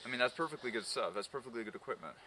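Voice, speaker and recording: A man's voice: mid-range voice, animated, very fast, crowd noise, lightly acted. A man acting a proud, skeptical outdoorsman in a found-footage film, with a grudging, naturalistic delivery. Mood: uneasy. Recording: faintly noisy outdoor camera audio.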